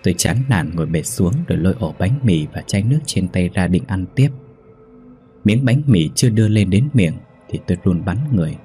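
A man narrating a ghost story in a steady, measured reading. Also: sits low, slightly rough, soft background music.

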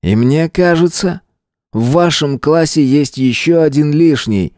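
Male narrator puts on a cold gloating shooter for an audiobook; higher and slower than his narration. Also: a little mellow, no room sound, clean studio sound, natural voice. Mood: cold threat. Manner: mocking, callous, threatening. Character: cold menacing young male school shooter.

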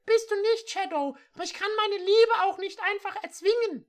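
A reader voicing a young woman heroine in a mock-dramatic fan fiction reading, speaking high, strained and emphatic. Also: normal speed. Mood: defiant.

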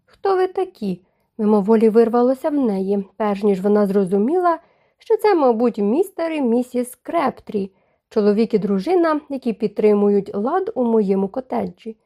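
Mellow-voiced woman reading an audiobook. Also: on the high side. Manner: measured, expressive reading. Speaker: audiobook narrator. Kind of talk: scripted audiobook narration.

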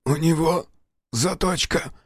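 A man's voice: medium pitch, sing-song, unhurried, dry recording, studio quality, voice pushed up. A man voicing a stern middle-aged male detective who speaks coldly and curtly. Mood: harsh. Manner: curt and hard, grating when pressed.

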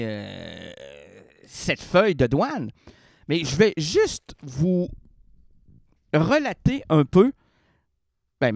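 A man with a Quebec French accent grumbles and rants in an exasperated, indignant way. He speaks slowly, but his pitch swings up and down a great deal. The recording is dry and close. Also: no room sound. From Canada. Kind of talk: ranting monologue to camera.

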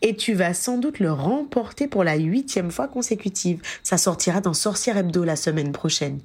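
A woman's voice: fairly low pitch, expressive, normal speed, a little mellow, husky. A woman reading Padma, teasing journalist. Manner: playful teasing.

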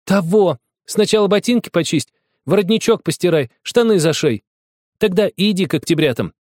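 Man putting on a sharp-tongued little girl, shrill and scolding, voice pushed high. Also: expressive, normal speed, no echo, studio quality. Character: sharp-tongued feisty young schoolgirl.

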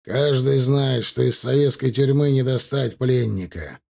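A man voicing a cruel, scornful warlord who speaks in a slow, contemptuous drawl. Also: medium pitch, vocal fry, warm tone. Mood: cold menace. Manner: slow, drawn-out, contemptuous delivery. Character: cruel, scornful male warlord, cold and menacing.

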